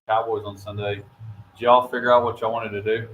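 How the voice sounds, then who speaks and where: A man's voice: fairly low pitch, little pitch movement, brisk, fairly bright tone. A man, hosting a casual morning radio show with easygoing teasing. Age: 30s. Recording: roomy studio, light noise.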